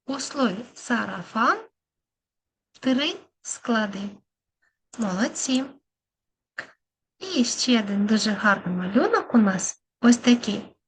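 A woman speech therapist giving a lesson to young children, sounding out words slowly syllable by syllable and encouraging them. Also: fairly high pitch, animated, slight background noise. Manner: slow, syllable-by-syllable, encouraging teacher talk.

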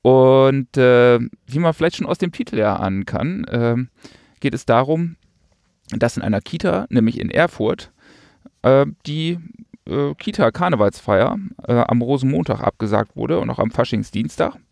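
A man's voice: mid-range voice, expressive, moderate pace, gravelly, a little mellow, no room sound, studio quality. A man co-hosting a casual podcast, talking sarcastically and rambling with many fillers. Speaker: podcast co-host. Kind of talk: casual chat.

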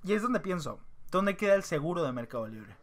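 A man's voice: high-pitched, sing-song, a little fast. A young man with a Mexican accent, telling a rambling, slangy story as a vlogger, with many fillers and restarts. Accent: Mexican Spanish. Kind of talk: casual storytelling rant.

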